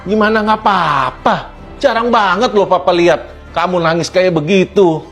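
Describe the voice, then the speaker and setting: A man's voice: high voice, normal speed, a bit bright, soft background music. A man playing a protective middle-aged father who reassures his daughter and blusters about her boyfriend. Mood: puzzled.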